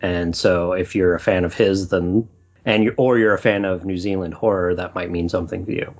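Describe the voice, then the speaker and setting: A man co-hosting a movie podcast, telling stories in a rambling, animated way. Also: deep voice, a little fast, muffled recording. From Utah. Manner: rambling storyteller, animated when excited. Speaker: podcast co-host. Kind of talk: casual podcast chat. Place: Portland, Oregon.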